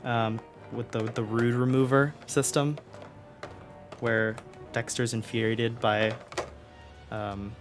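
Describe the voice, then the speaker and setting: A man's voice: medium pitch, level tone, takes it slowly, long pauses, music in the background. A man chatting casually on a live stream, playful and laughing often as he toys with how words sound. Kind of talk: casual live-stream chat while opening cards.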